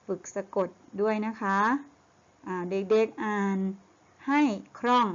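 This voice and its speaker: A middle-aged woman teaching a primary school class online, talking slowly and patiently with many fillers. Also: medium pitch, steady tone, clear, resonant tone. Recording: muffled lo-fi audio.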